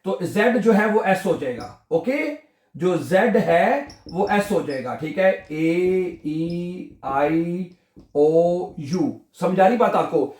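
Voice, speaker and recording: A man's voice: high voice, a little mellow. Patient man teaching in an echoey room. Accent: Pakistani Urdu. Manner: patient, repeats each sound and checks understanding. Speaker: language teacher. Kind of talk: beginner language lesson.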